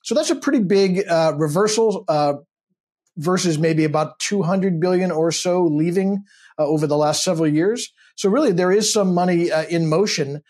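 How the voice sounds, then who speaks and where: A man with a husky, slightly high voice answers interview questions in a studio. He speaks steadily and carefully, pausing often on fillers. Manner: steady, measured, many "uh" fillers. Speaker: investment expert guest.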